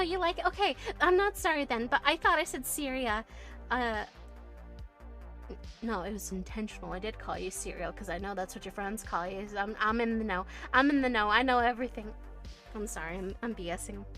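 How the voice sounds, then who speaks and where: Her voice is on the high side with a sharp tone. An American woman streaming to viewers, she reads their messages in loose, chatty talk, giggling often and filling it with fillers and restarts.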